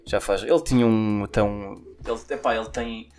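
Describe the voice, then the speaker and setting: Slangy young man, lowish voice, music behind. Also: fairly even intonation, moderate pace, a little mellow. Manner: slangy, rambling, conversational. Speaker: music podcast host. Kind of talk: casual chat about rap music.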